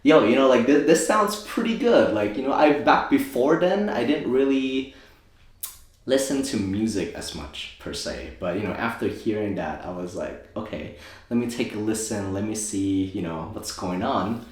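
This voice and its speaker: A man's voice: on the low side, expressive, moderate pace. A young man from Thailand, a native Thai speaker, telling his story as an interview guest in a loose, rambling way full of fillers. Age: 20s. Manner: rambling, filler-heavy, self-correcting. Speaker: guest, optometrist and DJ. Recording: very echoey room.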